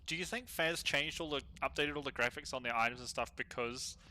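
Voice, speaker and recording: Bright-voiced man chatting through a game. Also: medium pitch, a little fast. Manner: chatty, slangy, thinking out loud. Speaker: gaming streamer. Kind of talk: casual solo gameplay commentary.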